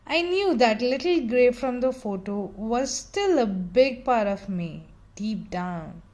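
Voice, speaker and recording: A woman reads a children's picture book aloud in a gentle, expressive storytelling manner. Her voice is a little high, and she takes it slowly.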